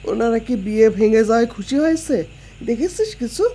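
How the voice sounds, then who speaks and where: A woman's voice: on the high side, lively intonation, fairly quick, mellow, slightly rough. An actress playing a bitter, grieving middle-aged mother.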